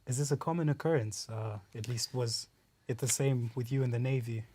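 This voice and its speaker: A man hosting a radio interview, asking measured, inquisitive questions. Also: mid-range voice, steady tone, warm tone, slight background noise. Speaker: radio host.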